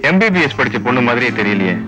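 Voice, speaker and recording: An actor playing a smooth-talking, scheming male villain who speaks in a condescending way. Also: mid-range voice, lightly acted. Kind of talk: film dialogue. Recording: dull film soundtrack with music.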